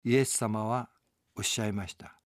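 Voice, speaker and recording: A man's voice: fairly low pitch, steady tone, normal speed, dry recording. A man, a pastor, delivering an earnest, emphatic radio sermon from a studio.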